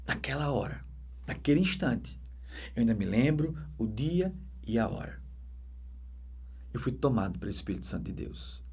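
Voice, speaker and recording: A man with a Brazilian Portuguese accent, a deacon giving a dramatic conversion testimony that swings between loud emphatic bursts and hushed soft passages. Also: medium pitch, expressive, moderate pace, pauses often, breathy edge.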